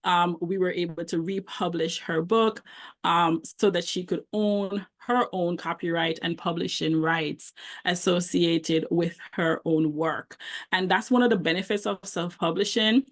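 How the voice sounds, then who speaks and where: A middle-aged woman with a Jamaican accent, working as a book coach, gives a conversational online presentation peppered with ums. Her voice sits on the low side, with a steady tone and a slightly slow pace.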